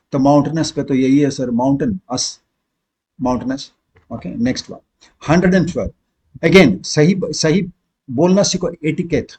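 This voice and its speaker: A man with an Indian English accent teaching an exam-prep lesson, reading sentences slowly and spelling words out letter by letter. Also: a little high, a little mellow, husky. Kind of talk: classroom lesson.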